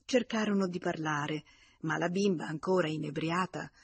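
A woman narrating a classic novel in a steady, measured reading voice. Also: low-pitched, creaky, breathy edge, dry recording. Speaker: audiobook narrator. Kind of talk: scripted narration.

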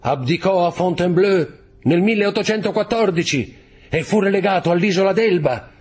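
A man reading an audiobook voices a young sailor locked in a cell, pleading and urgent, with a husky tone. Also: high voice, expressive, moderate pace, a little mellow, pitched above the performer's own voice. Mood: earnest. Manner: raised, urgent and imploring. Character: young male sailor prisoner, desperate and pleading.

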